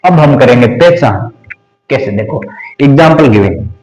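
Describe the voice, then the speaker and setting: Guy teaching english grammar, slow and patient, echoey room, reads words out as he writes em. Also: mid-range voice, expressive, darkish tone, lo-fi sound. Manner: explains slowly and repeats lists aloud while writing on a board. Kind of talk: classroom grammar lesson.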